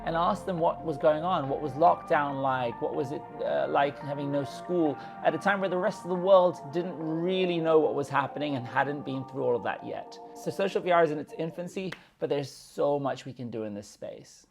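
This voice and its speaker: A man's voice: fairly high pitch, normal speed, gravelly, few pauses, music in the background. A man giving an eager, conversational lecture to camera about journalism and talking straight to viewers. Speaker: journalism instructor.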